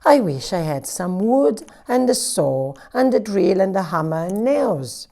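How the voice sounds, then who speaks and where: A woman's voice: medium pitch, sing-song, a little slow, dark tone. A woman doing a cheerful, chatty farmer's wife.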